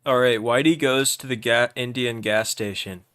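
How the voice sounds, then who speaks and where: A young man hosts a livestream, loudly and teasingly narrating an improvised role-play game and frequently restarting his words. His medium-pitched voice is steady, clear and resonant at a normal speed, with no echo.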